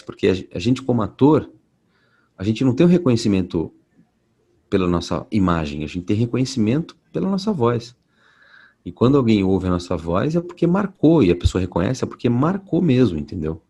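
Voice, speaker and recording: A man, a voice actor being interviewed, telling stories in a relaxed way from home. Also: lowish voice, a little fast, husky. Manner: relaxed storytelling, many restarts. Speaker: voice actor guest. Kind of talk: casual interview talk. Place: at home at night.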